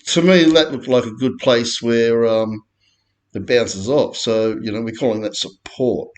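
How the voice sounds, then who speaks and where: A man with an Australian accent talks through trading charts in a loose, rambling way, full of slang and fillers. He takes his time, drawling his words out slowly at a mid-range pitch. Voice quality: laid-back, slangy, rambling. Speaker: crypto chart commentator. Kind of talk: casual chart commentary.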